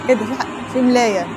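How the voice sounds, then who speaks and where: Egyptian woman, young, high bright voice, fast teasing reaction host with faint music under her. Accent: Egyptian Arabic. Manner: exclaiming, teasing, laughs often. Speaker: anime YouTuber. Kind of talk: reaction commentary.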